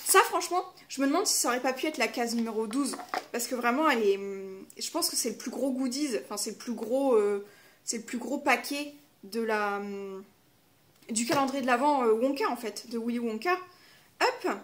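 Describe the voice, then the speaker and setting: A woman with a high voice chats casually while opening advent calendar boxes for her vlog. She fills her talk with little hesitations and corrects herself as she goes. Her tone stays relaxed and friendly throughout. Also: normal speed, a little hiss or hum. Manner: chatty, lots of fillers, self-correcting. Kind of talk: casual unboxing chat.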